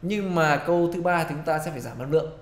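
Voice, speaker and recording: A man teaching a singing lesson, explaining technique in quick spoken tips and singing short phrases to demonstrate. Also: a little high. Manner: brisk, explanatory, sings phrases then breaks them down. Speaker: vocal coach. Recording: echoey room with guitar backing. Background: loud guitar accompaniment.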